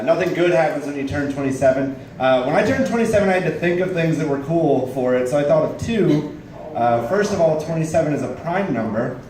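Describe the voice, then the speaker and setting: A man's voice: on the high side, reverberant, far from the mic, noisy background. Rambling young man doing stand-up. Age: 20s. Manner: casual, rambling with many fillers. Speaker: stand-up comedian. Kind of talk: stand-up comedy set. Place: comedy club stage, audience laughing.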